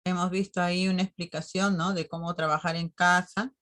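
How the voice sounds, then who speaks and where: A woman teacher running an online class, calmly explaining and answering a student's question. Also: fairly low pitch, a little fast.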